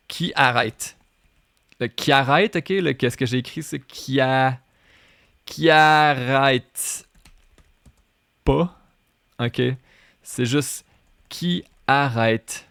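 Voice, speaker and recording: A man with a Québécois French accent talks through his rap lyrics in a slow, deliberate lesson. He repeats phrases and switches into English to explain them, at a middle pitch, in a dry recording with no room sound. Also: creaky, a bit bright, no room sound. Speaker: French teacher and rapper.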